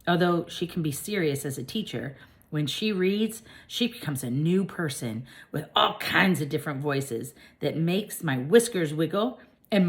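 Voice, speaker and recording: Woman narrator, low and unhurried, gentle storybook reading. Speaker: audiobook narrator. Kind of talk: children's audiobook narration.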